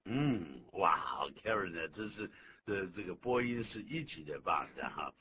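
A lower-voiced man teaching English on the radio, his pitch leaping about as he acts out each phrase. The recording is dull and lo-fi with a faint hiss behind him. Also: unhurried. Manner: animated, exaggerated pitch jumps when demonstrating. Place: radio studio.

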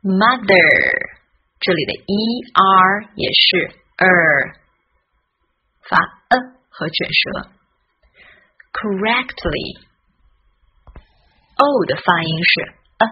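Slow, husky woman teaching pronunciation. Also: mid-range voice, animated. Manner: spells out letters and models sounds slowly. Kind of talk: slow, careful pronunciation lesson. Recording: dull, lo-fi recording.

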